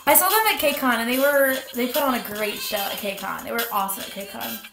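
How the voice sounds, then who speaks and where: A young woman with hiccups chatting excitedly through a music video reaction, full of fillers and restarts. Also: a little high, fairly quick, vocal fry. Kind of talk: casual reaction vlog. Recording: echoey room with music playing.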